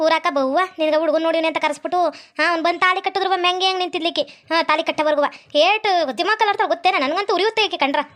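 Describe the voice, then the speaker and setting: Brief: woman voicing bickering North Karnataka village wives for a cartoon; very high, rattling fast, scolding. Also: fairly bright tone. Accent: North Karnataka Kannada. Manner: quarrelsome, scolding, rapid-fire. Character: bickering young village women, sharp-tongued and dramatic. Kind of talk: comic cartoon voice acting.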